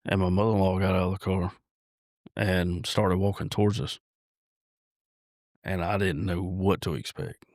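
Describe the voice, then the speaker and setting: Guy on a podcast, kinda low voice, stops and restarts a lot, dry close sound. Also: fairly even intonation, darkish tone, no echo. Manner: halting, with many restarts and fillers. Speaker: podcast guest. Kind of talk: personal storytelling in an interview.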